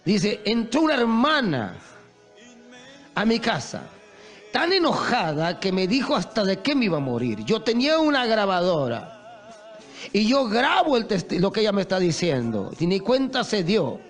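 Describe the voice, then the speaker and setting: Impassioned high-voiced preacher man. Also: big pitch swings, moderate pace, faint music behind. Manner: impassioned, storytelling with acted quotes. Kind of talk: sermon.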